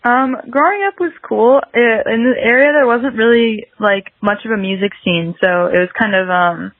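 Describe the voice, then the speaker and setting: This woman in her early twenties, a musician from South Carolina with an American accent, is a podcast guest chatting casually. Her voice is fairly high and her speed normal, heard over phone-quality audio with no room sound. She hedges a lot and says "like" constantly.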